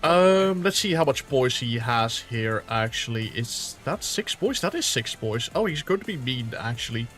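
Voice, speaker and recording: A man's voice: mid-range voice, big pitch swings, normal speed, hardly any pauses, a bit bright, soft background music. A man acting as game master who narrates a tabletop game in a casual, rambling way and swears lightly now and then.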